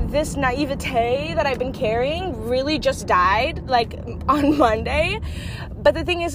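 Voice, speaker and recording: Young female vlogger, higher pitch, frank and profane, outdoor traffic noise under the voice. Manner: blunt, profane, confiding. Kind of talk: candid monologue to camera.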